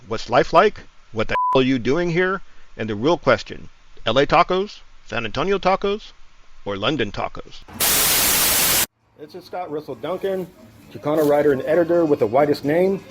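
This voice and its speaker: A man's voice: mid-range voice, dull audio, noisy background. A man doing a comic special report, hamming up his intro and then interviewing a worker in a taco shop with plenty of fillers. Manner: hammy announcer tone in the intro, loose with fillers when interviewing. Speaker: writer and roving reporter.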